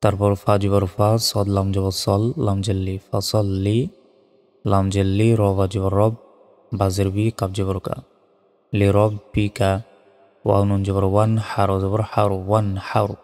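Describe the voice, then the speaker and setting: A man's voice: fairly low pitch, completely flat delivery, moderate pace, a little mellow. A man teaching Quran recitation, patiently spelling out Arabic letters syllable by syllable. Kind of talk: instructional recitation lesson. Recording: long reverb with faint background music.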